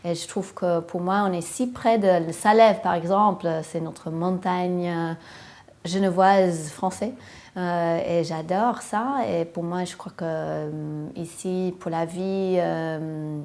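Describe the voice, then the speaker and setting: A woman's voice: fairly low pitch, steady tone, slow, darkish tone. Hesitant woman speaking French. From western United States. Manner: hesitant, frequent fillers, searching for words in a second language. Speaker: interviewee. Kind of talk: casual personal account.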